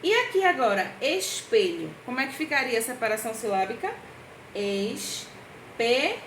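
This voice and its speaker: A woman teaching young children in a review lesson, talking patiently in a sing-song way, stretching out words slowly and checking in with them often. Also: fairly high pitch, very animated, fairly bright tone. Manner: slow, drawn-out words when spelling out syllables. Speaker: primary school teacher. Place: indoor room at a board, writing with a marker. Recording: echoey room with faint background hiss.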